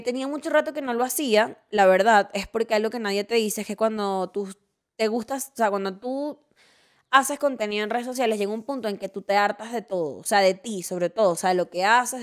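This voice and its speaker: A woman with a Venezuelan accent hosts a casual solo talk in a slightly high voice. She rants in a playful, opinionated way. She keeps doubling back into chatty asides. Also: moderate pace. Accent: Venezuelan Spanish. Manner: animated, opinionated and playfully ranting; chatty with frequent restarts and asides. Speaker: podcast host. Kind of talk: casual monologue.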